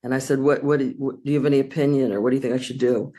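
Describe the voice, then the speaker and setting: A woman's voice: very deep voice, fairly even intonation, racing, dark tone. A woman, a former student, thanking her teacher in a rambling, gushing way. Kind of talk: casual thank-you speech.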